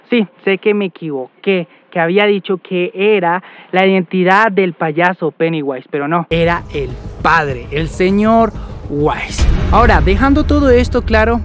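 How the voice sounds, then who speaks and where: A man with a Colombian Spanish accent hosting a scripted comedy vlog skit in a theatrical, dramatic announcer manner. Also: high voice. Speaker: YouTuber host leading a skit. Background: background music.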